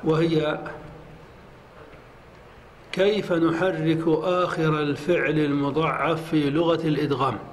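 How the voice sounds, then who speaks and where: A man, a sheikh, giving a classroom lecture in a mosque, speaking in a measured way and repeating examples slowly. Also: a little high, level tone. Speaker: sheikh teaching a lesson. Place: large mosque hall. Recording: long hall reverb with faint noise.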